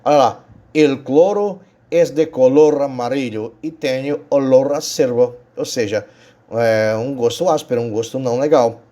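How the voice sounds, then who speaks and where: A man's voice: mid-range voice, measured pace, warm tone. A man with a Brazilian Portuguese accent teaches a recorded Spanish lesson. He explains each point patiently and keeps checking in with his students.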